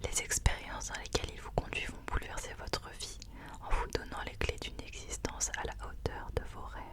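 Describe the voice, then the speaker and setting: Someone speaking in a hushed, unvoiced library whisper, sharing and reading books in an informal ASMR style. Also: normal speed. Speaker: ASMR host. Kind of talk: whispered ASMR book recommendations and reading aloud.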